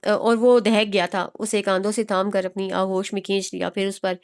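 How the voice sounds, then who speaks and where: A woman narrating a romance novel in a steady, expressive reading style. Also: mid-range voice, normal speed, clean tone.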